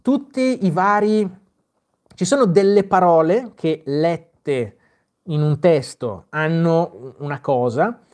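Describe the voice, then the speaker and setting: A man's voice: fairly high pitch, slow pace, darkish tone. A man hosting a live Q&A, reading viewer comments aloud and answering them in a casual, chatty way with frequent fillers and restarts. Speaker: host answering viewer questions.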